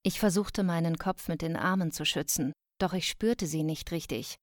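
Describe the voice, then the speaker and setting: Female audiobook narrator, lower voice, steady measured delivery, dry close sound. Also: no echo. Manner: calm, measured storytelling. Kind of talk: scripted first-person narration.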